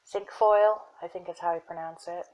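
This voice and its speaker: A young woman casually showing her herb collection, soft-spoken and unhurried, with fillers and self-corrections that sometimes drop into a whisper. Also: lowish voice, fairly even intonation, muffled recording, noisy background. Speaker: apothecary shop owner. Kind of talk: casual show-and-tell.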